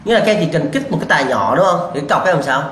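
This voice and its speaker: A man's voice: a little high, animated, racing, fairly bright tone. A male lecturer drilling students with rhetorical questions, repeating key answers and bluntly warning them about mistakes. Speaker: civil engineering lecturer. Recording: echoey room with faint background hum.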